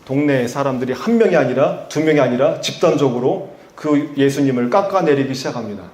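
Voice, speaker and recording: This pastor, a man from Korea's Chungcheong region who speaks with the local accent, delivers his sermon in an expressive, mid-range voice with a darkish tone and a fairly quick pace. An echoey room surrounds him as he asks his listeners rhetorical questions and then rises to forceful climaxes.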